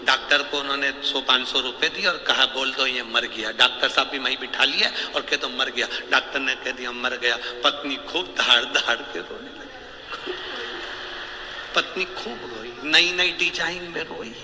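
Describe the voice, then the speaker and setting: A man's voice: mid-range voice, moderate pace, background noise. A man preaching a devotional sermon, telling a humorous story and acting out the characters' voices. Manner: humorous, teasing asides. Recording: echoey hall with long reverb, faint ambience.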